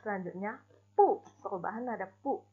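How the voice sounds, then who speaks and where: Woman teacher, breathy voice, patient step-by-step class explanation, muffled recording. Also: medium pitch. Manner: slow, deliberate explanations with spoken examples. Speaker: Mandarin teacher. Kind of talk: recorded online class lesson. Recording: dull lo-fi recording.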